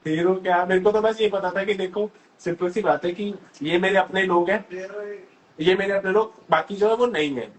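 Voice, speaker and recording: A man's voice: sits high, normal speed, a little hiss or hum, rough recording. A young man from North India hosting a casual phone live stream, reading fan comments aloud and answering them in a chatty way. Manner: chatty, mixes Hindi and English, reads comments aloud then answers them. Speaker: host of a social media live stream.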